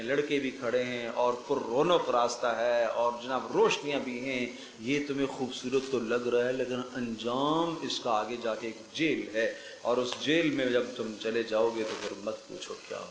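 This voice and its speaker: A man's voice: medium pitch, steady tone, roomy sound, a little hiss or hum, low-quality recording. A man giving a sermon of Quran commentary, telling vivid parables, acting out the people in his stories and repeating phrases for emphasis.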